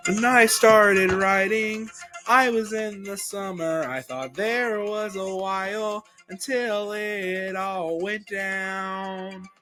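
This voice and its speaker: A man's voice: sits high, slow pace, rough recording. A young man of about eighteen sings comedic, self-mocking confessional songs. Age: late teens. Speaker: singer-songwriter. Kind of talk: comedic song performance. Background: faint music.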